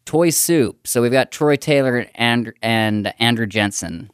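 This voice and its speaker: A man's voice: mid-range voice, measured pace, smooth, no echo, clean studio sound. A male podcast host chatting casually, laughing often and joking about himself. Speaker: podcast host and comedy show host.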